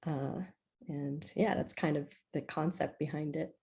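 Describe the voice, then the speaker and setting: A woman's voice: low voice, steady tone, measured pace, vocal fry, mellow. A young woman from Iceland, a composer answering interview questions in a casual, chatty way, full of "like"s and self-corrections.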